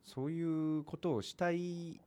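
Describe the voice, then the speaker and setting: A man's voice: a little high, fairly even intonation, measured pace, warm tone. A male actor chatting politely as a guest on a radio show, often laughing as he talks. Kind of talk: casual radio talk.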